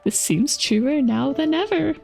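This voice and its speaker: A woman doing a gentle grandmotherly gardener. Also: high voice, expressive, unhurried, vocal fry, soft background music, voice pushed up, heavily acted. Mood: warm, earnest. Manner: kindly, storybook-like reading of game dialogue. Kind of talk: reading game dialogue aloud.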